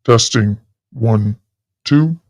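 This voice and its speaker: A woman livestream host talking through a voice changer that makes her voice deep, doing a slow, flat mic test. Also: no room sound, exaggerated voice. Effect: voice changer lowering the voice deep.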